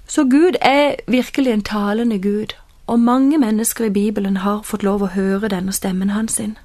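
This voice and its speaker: A woman giving a calm Bible teaching and explaining scripture passages. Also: mid-range voice, no echo, studio quality.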